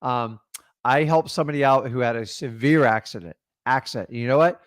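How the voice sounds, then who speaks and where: This is energetic coaching on real estate deals from a middle-aged man with a mid-range voice at a moderate pace. The sound is clean studio audio with no room sound, and his delivery is direct, emphatic, and motivational.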